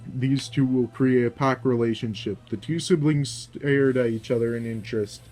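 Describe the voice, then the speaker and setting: Young guy reading his fan fic out loud, mellow low-key tone, little slips here and there. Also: normal speed, faint music behind. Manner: steady storytelling with small slips and restarts. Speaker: fan fiction narrator. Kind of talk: reading fan fiction aloud.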